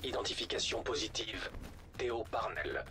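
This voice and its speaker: A flat robotic AI system voice. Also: male voice, on the low side, normal speed. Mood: clipped. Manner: flat, clipped status reports. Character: calm male AI system voice announcing alerts. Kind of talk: video game dub. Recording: game audio with gunfire noise.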